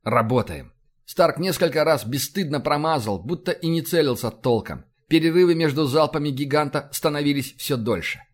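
A man narrating an audiobook in a steady, dramatic reading. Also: fairly high pitch, normal speed, few pauses. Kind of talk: scripted narration.

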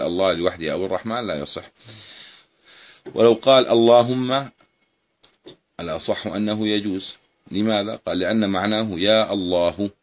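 A man's voice: on the low side, muffled recording. A man teaching Islamic jurisprudence, reading a legal text aloud and explaining it to students.

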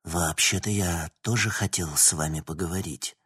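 A man's voice: deep voice, normal speed, breathy edge, no echo, clean studio sound. A man voicing an agitated plump male professor who protests indignantly and raises his voice. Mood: quiet, hesitant. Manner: shouting, outraged, pleading.

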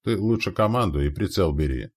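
A man reading a story voicing a blunt, steady male soldier with a gruff manner. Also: sits low, brisk, full character voice.

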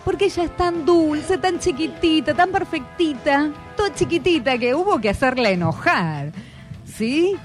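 A woman's voice: sits high, expressive, unhurried. Woman on radio chatting w kids, very up and down voice, music behind, lots of little questions. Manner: chatty, checking in with short tag questions. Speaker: radio host. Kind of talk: casual interview with schoolchildren.

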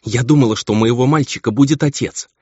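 A man's voice: medium pitch, fast, warm tone, husky, no room sound, voice pushed up, close to an everyday voice. A man voicing a bitter, scornful noblewoman and mother in a raised voice, on a dull, lo-fi recording.

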